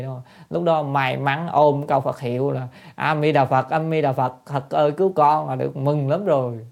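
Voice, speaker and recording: A woman's voice: rumbling low, creaky, darkish tone. A woman giving a Buddhist dharma talk, asking her listeners questions and then answering them, and repeating short phrases for emphasis.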